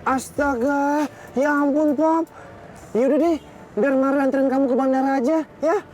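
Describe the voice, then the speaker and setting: A man's voice: very high voice, moderate pace. An actor playing a chatty, teasing young man who talks. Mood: joking. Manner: loud teasing banter, lively swings. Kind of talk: sitcom acting.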